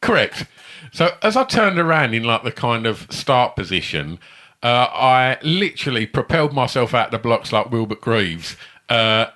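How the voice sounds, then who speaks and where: A man's voice: medium pitch, very animated, moderate pace, pushed and bright. A man co-hosting a comedy podcast, telling rambling, sweary anecdotes. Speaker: podcast co-host. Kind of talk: casual comedic storytelling.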